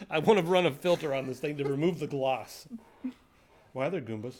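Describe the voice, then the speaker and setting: A man with a slightly raised pitch chatting casually as a podcast co-host. He grumbles and airs strong opinions, with his sentences often trailing away into mutters. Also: normal speed, a little mellow. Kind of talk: casual chat.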